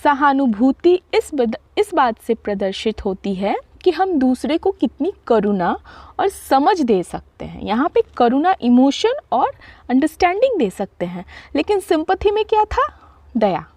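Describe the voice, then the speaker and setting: Indian woman, high voice, dry close sound; patient vocabulary teacher who spells words out letter by letter. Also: very animated, a little mellow, dry recording. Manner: spells words letter by letter, reads English definitions slowly. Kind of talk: explaining word meanings.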